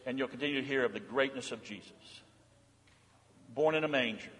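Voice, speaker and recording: An older man, a pastor, preaching a confirmation sermon in a church, swinging between loud proclamation and hushed, earnest asides. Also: medium pitch, brisk, a little hiss or hum. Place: church sanctuary. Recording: long hall reverb.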